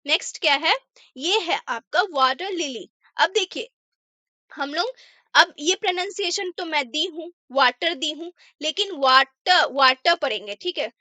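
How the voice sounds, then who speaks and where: A woman's voice: high-pitched, animated, bright, forceful tone, no echo. Woman tutor explaining words in Hindi, repeating them often, dry close recording. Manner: repeats words, slow careful English example sentences. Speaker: English teacher. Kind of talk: casual Hindi vocabulary lesson.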